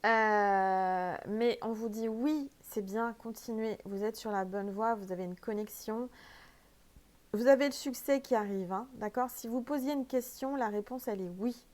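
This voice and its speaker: A woman's voice: fairly high pitch, measured pace, a little mellow. A woman with a French accent doing a casual spiritual oracle card reading, chatty and emphatic, with many fillers.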